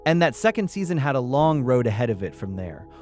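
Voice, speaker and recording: A man giving a calm scripted sleep narration, slow, soft and reflective. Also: mid-range voice, soft background music.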